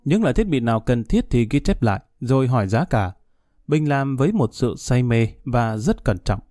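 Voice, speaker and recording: A man narrating a story in a calm, steady storytelling voice, speeding up a little in the dialogue. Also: medium pitch, moderate pace, no echo, clean studio sound. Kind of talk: audiobook narration.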